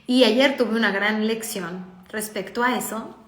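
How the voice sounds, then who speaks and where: Mexican woman speaker, fairly high voice, lively storytelling, roomy echo. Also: unhurried. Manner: lively, acts out dialogue. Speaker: parenting speaker. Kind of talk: storytelling talk. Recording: echoey room.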